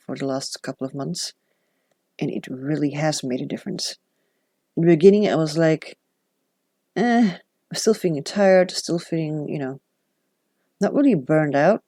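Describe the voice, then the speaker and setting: Low-pitched and a little mellow, this chatty woman's voice comes through dry and close with no room sound. She is a journaling vlogger whose first language is Dutch, and her casual chat is reflective, with self-deprecating asides.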